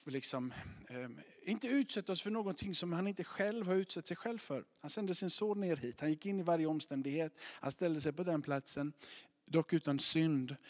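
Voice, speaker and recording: A man in his thirties preaching a sermon, telling lively personal stories and acting out the voices of his family. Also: a little high. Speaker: pastor.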